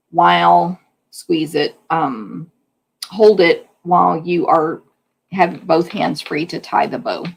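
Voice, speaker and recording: A woman with a hoarse voice, chatting casually as she demonstrates a card-making project step by step. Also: lowish voice. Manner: chatty, hands-on explaining while working. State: losing her voice. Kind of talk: live craft demonstration.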